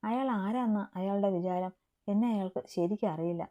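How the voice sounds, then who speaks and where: A woman voicing a timid but sharp-tongued young student who grumbles and stammers, in a storybook reading. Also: mid-range voice, a little fast, lightly acted. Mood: grumbling.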